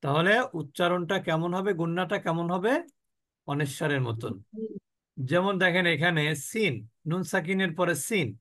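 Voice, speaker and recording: A man from Bangladesh with a Bangladeshi Bengali accent teaching a Quran recitation class online, explaining rules, asking and answering his own questions, and drawing out sounds slowly for students to repeat. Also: fairly high pitch, a bit bright. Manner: asks the class questions and answers them himself. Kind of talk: online tajweed lesson with slow recitation drills.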